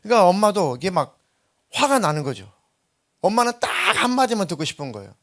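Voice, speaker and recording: A man's voice: sing-song, quick pace. A middle-aged man preaching a sermon as pastor, telling stories and acting out the quoted voices. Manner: storytelling, acting out quotes with sudden high-pitched bursts.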